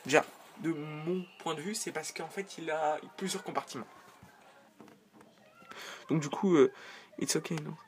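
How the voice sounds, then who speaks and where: A man's voice: fairly high pitch, unhurried, long pauses. A man giving casual, joking commentary over a video game, rambling into side remarks. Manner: chatty, joking, rambling asides.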